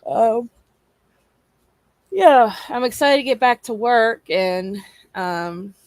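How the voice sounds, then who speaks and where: A young woman co-hosting a live online show, talking in a relaxed, halting way with many ums. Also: on the high side, dry recording. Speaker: co-host of a live advocacy show. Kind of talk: casual chat.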